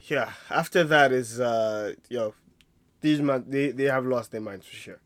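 A young man co-hosting a casual sports chat, excitable, laughing often and stumbling into restarts. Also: medium pitch, measured pace. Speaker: podcast co-host.

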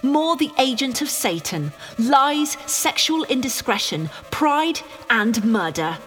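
Woman playing sharp accusing lady detective, audio drama, very theatrical n swoopy, big echoey hall. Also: high-pitched, big pitch swings, slow pace, heavily acted. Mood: righteous, condemning. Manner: theatrical, declamatory. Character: Ginger, sharp accusing amateur woman detective, loving beneath. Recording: long hall reverb.

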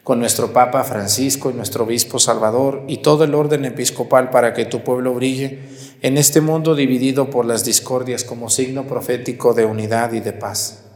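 A man as a priest, reciting the prayers of the Mass in a measured, solemn way, heard with a cathedral echo. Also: medium pitch, a little mellow. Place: large church during Mass. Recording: long echo of a large church hall.

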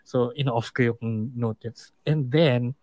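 A man's voice: mid-range voice, fairly even intonation, takes it slowly, darkish tone, no echo. A man from the Philippines hosting a casual podcast, mixing Tagalog and English and laughing often. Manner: giggly, mixes Tagalog and English. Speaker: podcast host.

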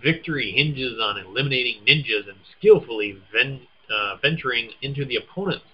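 A man's voice: medium pitch, lively intonation, fairly quick, breathy edge, dull audio. A man co-hosting a casual chat, playfully teasing and reading game blurbs aloud. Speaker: podcast co-host.

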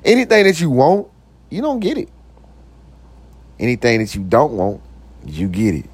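The young host of his own podcast has a husky voice, newly deeper, with wildly swooping pitch at a moderate pace. He gives a casual motivational talk, loose and slangy, repeating "you know what I'm saying," joking around and slipping into silly voices.

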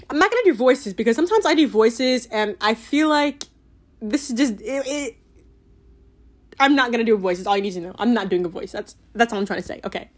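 A young woman chatting casually about a book she loved, gushing and giggly, with many filler "like"s. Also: on the high side. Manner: giggly and animated. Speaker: book reviewer. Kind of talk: casual book review chat.

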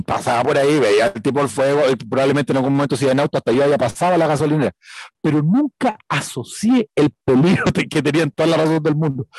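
A man's voice: fairly high pitch, mellow, no room sound, rough recording. A man with a Chilean accent preaching a conversational sermon and telling a personal story. He keeps checking in with his listeners by asking "right?".

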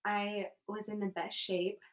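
A young woman out of high school, a podcast guest, blunt and joking in casual chat. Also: flat delivery, unhurried. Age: young adult.

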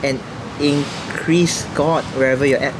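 A man with a Singaporean accent telling personal stories casually as a guest, earnest and halting, repeating his phrases. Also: medium pitch, fairly even intonation. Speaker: interview guest. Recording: very loud traffic and outdoor urban noise.

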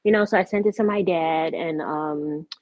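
A woman's voice: low-pitched, normal speed, a little mellow, a little hiss or hum. A young woman speaking as a guest in a casual interview, candid and outspoken. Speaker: guest, artist. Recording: dull lo-fi recording.

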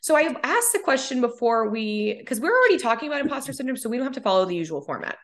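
A woman's voice: a little high, big pitch swings, quick pace. A woman hosting a casual podcast chat, chatty and laughing easily. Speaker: podcast host.

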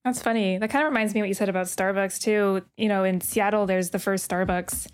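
A woman's voice: mid-range voice, steady tone, fast talker, clean tone. Woman cohost chatting, explaining stuff, easy friendly tone. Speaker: podcast co-host. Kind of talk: casual chat.

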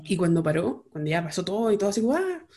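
Chatty Chilean woman, warm mellow voice. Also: lowish voice, very fast. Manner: chatty, rambling, heavy slang and fillers. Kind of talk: casual personal storytelling.

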